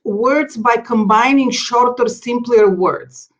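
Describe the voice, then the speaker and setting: A high-voiced Bulgarian woman, a native Bulgarian speaker and explorer, chats casually as a podcast guest. She takes it slowly but is eager, launching into long run-on explanations, and the sound is dull and lo-fi.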